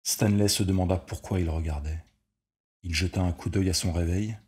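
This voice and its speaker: A man reads a short story aloud in a deep, low voice. His delivery is measured and steady, the even pace of audiobook narration. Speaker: reader.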